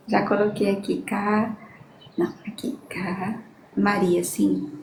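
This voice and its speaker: Her voice sits at medium pitch, flat in delivery, gravelly and slightly mellow, as she leads a live-stream prayer time and takes requests. She reads each name slowly and affectionately, sprinkling in "amém" and "né," in an echoing room with background noise.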